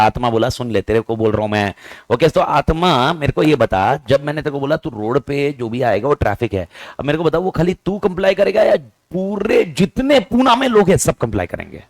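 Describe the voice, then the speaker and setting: A man's voice: mid-range voice, no room sound. A man teaching a class, firing questions at students and mixing in English words and playful slang. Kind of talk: classroom lecture.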